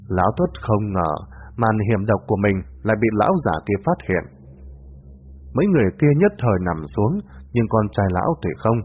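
A man narrating a dramatic story in a lively, expressive way. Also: fairly low pitch, slightly rough. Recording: dull lo-fi audio.

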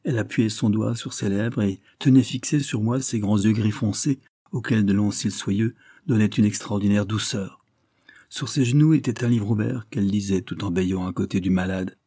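A man narrating a classic novel with measured, even delivery. His voice is low-pitched, mellow and slightly husky, recorded close on a dry mic with no room echo. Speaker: audiobook narrator. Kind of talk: literary audiobook narration.

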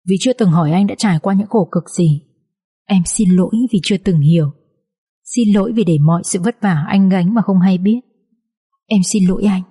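A woman's voice: medium pitch, mellow, husky, lightly acted. A woman voicing a young wife who pleads with her unconscious husband in a tearful, choked voice.

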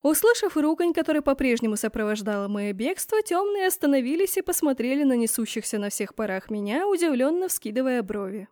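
A woman reads a first-person fantasy story aloud with lively expression and a fairly high voice. The recording is close and dry, with no room around her. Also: fairly quick, few pauses, dry recording. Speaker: audiobook reader.

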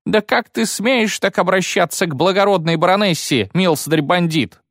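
A man voicing a whining, indignant older woman chaperone with a shrill manner. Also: normal speed, fairly bright tone, dry recording, studio quality. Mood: outraged.

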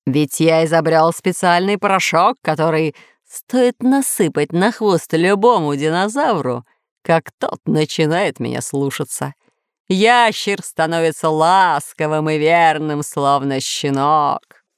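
A woman's deep, clear and resonant voice takes on the role of a boastful villain, a male scientist who rules dinosaurs, pompous and threatening throughout this storybook reading. She keeps a measured pace. The studio sound is clean, with no echo.

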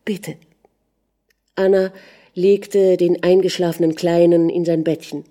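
Warm-voiced woman narrating an audiobook. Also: fairly low pitch, little pitch movement, unhurried. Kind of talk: scripted literary narration.

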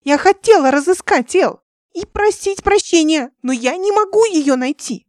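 A woman reading an audiobook voices a hysterical young woman who shrieks and sobs in a high, strained voice. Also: animated, normal speed, no room sound, studio quality. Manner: shrill, tearful, shouting.

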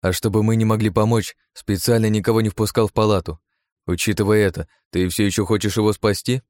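A man's voice: lowish voice, fairly even intonation, fast talker, a little mellow, no room sound, lightly acted. A man doing a wry young hero. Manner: wry, matter-of-fact. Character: young male hero, dry and sarcastic.

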